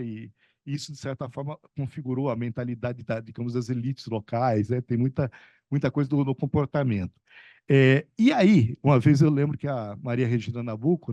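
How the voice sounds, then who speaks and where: A middle-aged economics professor from São Paulo state, Brazil, speaks at a panel discussion in a rambling, conversational manner full of fillers and restarts. His voice is medium-pitched with a dark tone, captured in a dry recording.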